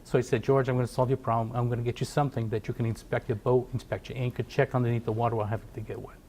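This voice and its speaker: A man's voice: medium pitch, flat delivery, racing, a little mellow, slight background noise. A middle-aged man from Portugal, a company founder, speaking in a TV business interview with many fillers and restarts. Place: TV studio.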